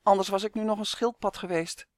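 A woman's voice: medium pitch, fairly even intonation, fairly quick, dry recording, clean studio sound, natural voice. A woman voicing an earnest young boy who pleads with and reassures his friend. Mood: thoughtful. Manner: pleading, urgent.

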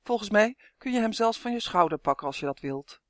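A reader voicing a gentle, kind elf who speaks softly and reassuringly. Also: mid-range voice, lively intonation, a little fast, dry recording, studio quality, pitched above the performer's own voice, natural voice.

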